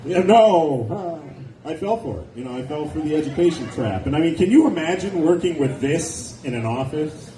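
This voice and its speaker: The comic, a man in his forties, delivers a nightclub stand-up set indoors via handheld mic, his voice a little high, animated and warm, moving at a moderate pace with few pauses. Sardonic and given to wry asides, he chats freely with the crowd. Distant recording leaves the sound echoey, with background noise.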